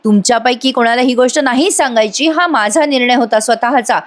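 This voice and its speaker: A woman's voice: on the high side, fairly quick, natural voice. Woman doing a harsh accusing young husband. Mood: firm. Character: angry young husband Ashwin, cold and accusing.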